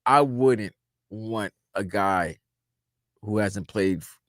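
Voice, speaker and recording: A man's voice: lowish voice, slow pace, no room sound, studio quality. A man co-hosting a sports radio show, breaking down the game emphatically, restarting his sentences. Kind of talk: postgame radio analysis.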